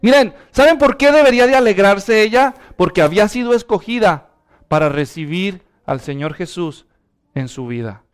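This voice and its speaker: A man preaching an animated sermon and calling on the congregation to answer aloud. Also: high-pitched, moderate pace, smooth. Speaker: pastor.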